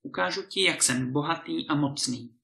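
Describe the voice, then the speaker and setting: A man voicing a huge, boastful male giant lord in a storybook reading, with a booming, thundering delivery. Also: gravelly, pushed and bright. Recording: roomy echo.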